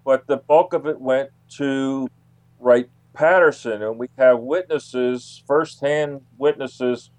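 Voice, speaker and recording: A researcher being interviewed speaks in a mid-pitched, dry-sounding voice with no room sound. His conversational manner is halting, and he often restates a phrase to emphasize it.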